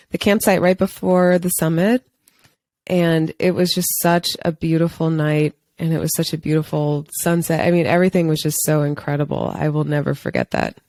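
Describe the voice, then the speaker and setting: A woman's voice: deep voice, a little mellow, dry recording. Upbeat woman podcast host. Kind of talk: casual interview.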